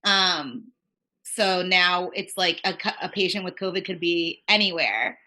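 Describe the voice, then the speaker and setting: On a podcast, a woman who works as a child life specialist chats in a fairly low voice, speaking a little slowly. She rambles casually, leans heavily on "like," and quotes other people in animated voices.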